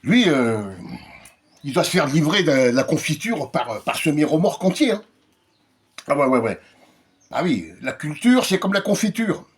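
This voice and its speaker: A man's voice: fairly high pitch, very animated, husky. A man on his own channel, ranting casually and mockingly as he reads out and answers viewers' comments. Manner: mocking, sarcastic, drawn-out emphatic asides.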